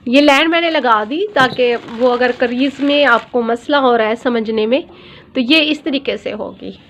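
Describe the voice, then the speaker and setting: A woman's voice: fairly high pitch, moderate pace, a bit bright, slight background noise. A woman dress designer giving a patient step-by-step sewing tutorial, repeating each measurement and often checking in with her viewers. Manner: often checks in with "theek hai". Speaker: dress designer teaching pattern drafting.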